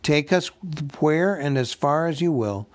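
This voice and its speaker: A man doing a calm, courteous old wizard. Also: fairly high pitch, a little slow. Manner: polite, composed speech.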